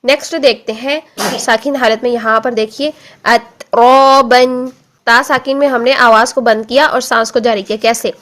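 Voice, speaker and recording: Woman teacher going over recitation sounds one by one, kinda high voice, drags each sound out slow when she shows it. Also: fairly even intonation, fairly bright tone. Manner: slow drawn-out demonstration of letter sounds, repeated drills; patient explaining with frequent checking-in phrases. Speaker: Tajweed teacher. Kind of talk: step-by-step recitation lesson.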